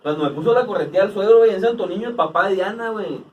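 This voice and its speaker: A man's voice: high voice, racing, distant mic, muffled recording. A man with a Mexican accent, a podcast host, joking in crude slang and telling stories. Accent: Mexican Spanish. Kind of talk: casual banter.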